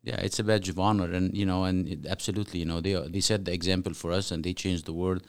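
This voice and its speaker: A man's voice: deep voice, fairly even intonation, fast, vocal fry. A man from Egypt, a guest author speaking earnestly in a podcast interview, with many fillers and restarts.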